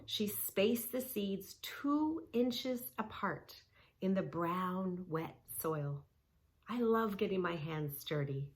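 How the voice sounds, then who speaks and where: Taking it slowly in an animated, mid-range voice, a woman reads a read-along story paired with yoga instruction for preschoolers. She addresses the young child directly, speaking simply and encouragingly.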